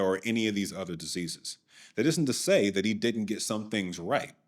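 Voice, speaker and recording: A man hosting and narrating a documentary in a scripted way, with dry, sardonic asides. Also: fairly low pitch. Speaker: documentary host.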